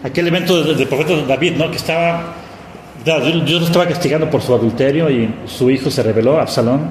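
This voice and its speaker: A man with a Mexican accent preaching a reflective sermon, often pausing to ask "¿no?" and restarting his phrases. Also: fairly high pitch, slight background noise. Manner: reflective, with frequent rhetorical "¿no?" and restarts. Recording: echoey hall with long reverb.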